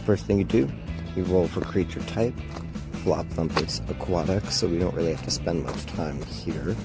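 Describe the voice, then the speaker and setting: A man narrating a solo tabletop game in a relaxed, rambling way with many fillers. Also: low-pitched, moderate pace, loud music behind the voice.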